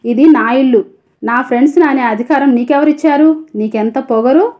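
A woman reading a storybook, voicing an arrogant rich young wife who speaks in a sharp, scornful way. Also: high voice, moderate pace, dull audio, natural voice.

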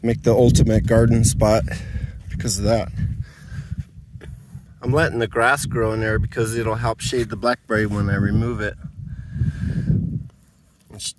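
Walking through his arid desert garden with his phone camera, a man who gardens at home rambles casually and thinks out loud. His voice is lowish, and the audio has a slight hiss or hum.

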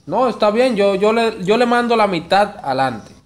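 In his twenties and speaking with a Dominican accent, a man makes a prank phone call, pretending to be a show promoter and sounding pleading and insistent. His voice sits high with lively intonation, and he talks at a normal speed.

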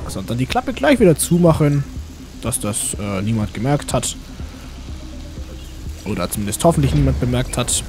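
A man's voice: mid-range voice, sing-song, normal speed, pauses often, a little mellow. A man giving casual game commentary, rambling to himself and to the game's characters. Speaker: let's play host. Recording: game music behind the voice.

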